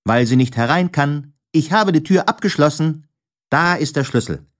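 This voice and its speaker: A man voicing a cheeky, noisy childlike creature with a high, piercing voice that sings badly off-key. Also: lively intonation, moderate pace, natural voice. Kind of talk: audiobook character voice.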